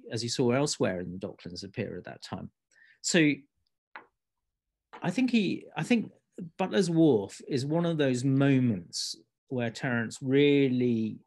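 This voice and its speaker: A man speaks on a panel as an architecture principal, his voice sitting at an ordinary middle pitch. He talks in a halting way, breaking off and restarting his sentences. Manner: hesitant, many restarts. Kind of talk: panel discussion.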